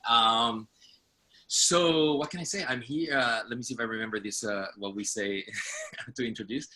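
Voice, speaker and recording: On a video call, a Puerto Rican man who is an artistic director and university faculty member introduces himself, earnest and hesitant as he searches for words. His voice is medium-pitched and sharp at a moderate pace, and the recording quality is low.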